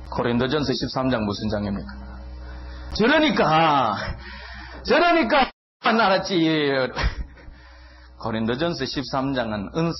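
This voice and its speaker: Emphatic Gyeongsang-accented pastor preaching. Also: male voice, lo-fi sound. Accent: Gyeongsang Korean. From Gyeongsang region, Korea. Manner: emphatic, swings from low asides to sudden high exclamations. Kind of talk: sermon.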